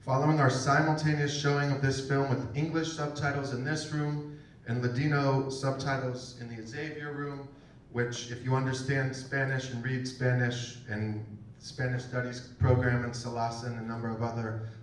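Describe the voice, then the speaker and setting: A man hosting a campus event, giving a formal introduction and announcements with measured pauses. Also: medium pitch, flat delivery, slight background noise. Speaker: program host introducing an event. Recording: echoey room, far from the mic.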